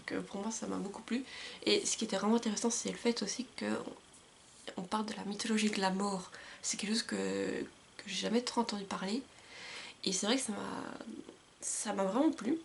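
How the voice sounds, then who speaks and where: A young woman with a gravelly, fry-tinged voice chats through her monthly book review at an ordinary middle pitch. She talks with eager enthusiasm and often pauses to hesitate. The sound is from a camcorder in a shuttered room. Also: a little hiss or hum. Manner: chatty and enthusiastic, with many hesitations. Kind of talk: casual book review vlog. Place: indoor room with blinds closed.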